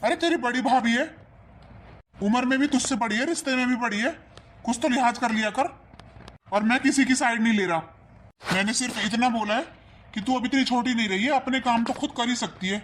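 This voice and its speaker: A man's voice: very high voice, a little fast, fairly bright tone, a little hiss or hum. A man voicing a tired, exasperated young husband trying to settle a family fight in a cartoon. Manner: exasperated, firm. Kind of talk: cartoon voice acting.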